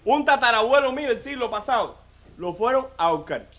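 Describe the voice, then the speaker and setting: Very high-pitched and a bit bright, this Cuban-accented stand-up comic speaks fairly quickly with lively intonation. He's chatty, speaks straight to the audience, and keeps saying "mira" and "óyeme."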